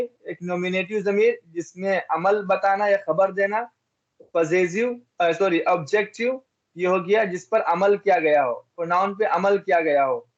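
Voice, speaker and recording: A man's voice: sits high, highs cut off. A man from India teaching an English grammar lesson, repeating each example and asking and answering his own questions.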